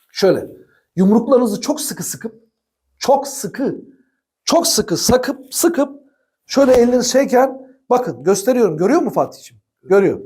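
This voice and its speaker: A billiards coach talking straight to viewers in his own practice room, animated and chatty, often laughing and calling them friends. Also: very high-pitched. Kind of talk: instructional talk to camera.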